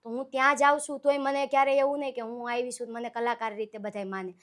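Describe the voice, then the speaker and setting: This woman from Saurashtra, Gujarat, appears as a guest folk singer in a relaxed interview, sharing her stories with heartfelt earnestness. Her voice is fairly high, barely shifts in pitch, and moves quickly.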